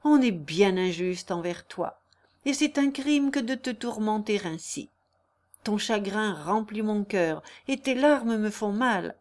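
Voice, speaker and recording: An earnest young lawyer from a classic novel, tender and solemn as he pleads and reassures, read aloud by a woman. The voice stays mid-pitched and gentle, close to a natural storybook reading. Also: expressive, slow pace. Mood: earnest, pleading.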